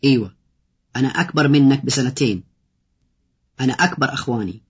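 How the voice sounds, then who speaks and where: A man with a husky voice reads out short lesson phrases one at a time, pausing after each. The recording is dull and lo-fi. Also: medium pitch. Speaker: language teacher. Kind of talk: slow read-aloud language drill.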